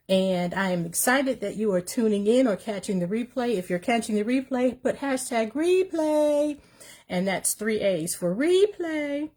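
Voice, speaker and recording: A woman of fifty-five with an American accent hosting a casual livestream, upbeat and emphatic, often repeating her phrases. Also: medium pitch. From New York City, United States. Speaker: live stream host, confidence coach. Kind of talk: casual livestream chat to viewers. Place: warm room indoors. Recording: steady fan noise behind voice.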